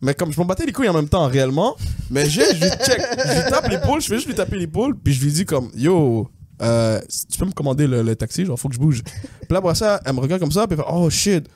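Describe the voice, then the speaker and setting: Fast-talking young man, animated storyteller. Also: on the high side, a little hiss or hum. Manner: animated, mixes English slang, acts out voices. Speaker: podcast co-host. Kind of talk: casual storytelling.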